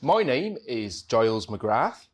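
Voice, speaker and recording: A man's voice: mid-range voice, very animated, slow pace. A man playing a dry, matter-of-fact country villager.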